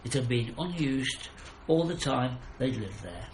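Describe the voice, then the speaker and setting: Here the male author performs his children's audiobook as dramatic storytelling, his medium-pitched voice animated yet unhurried. Faint background noise sits under the roomy recording.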